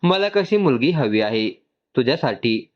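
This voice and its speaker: Middle-aged mother figure, affectionate and teasing, slightly raised pitch, read by a man, muffled lo-fi sound. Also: big pitch swings, unhurried.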